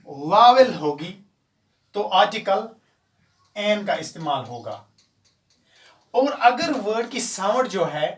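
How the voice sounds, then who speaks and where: A man teaching an English grammar lesson, explaining step by step and repeating examples slowly. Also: high-pitched. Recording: echoey room, voice from far off.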